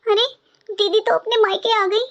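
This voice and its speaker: A woman voicing a sad young pregnant daughter-in-law in an animated cartoon, talking in a plaintive, complaining, self-pitying way. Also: very high-pitched, moderate pace, highs cut off.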